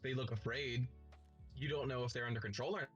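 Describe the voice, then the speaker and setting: A man's voice: mid-range voice, fairly quick, highs cut off, loud music behind the voice. A man acting as game master, narrating a tabletop role-playing game to the players.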